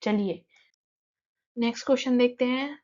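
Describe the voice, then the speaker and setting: Lady teacher going through a textbook lesson, kinda high voice, dull lo-fi sound. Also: mellow. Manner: reads English lines slowly, then explains them in Hindi. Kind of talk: explaining an English textbook lesson.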